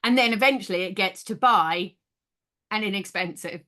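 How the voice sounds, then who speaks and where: Animated woman explaining, acting out dialogue. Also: medium pitch, normal speed. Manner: animated storyteller, acts out dialogue, laughs often. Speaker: maths programme educator. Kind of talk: explaining in an interview.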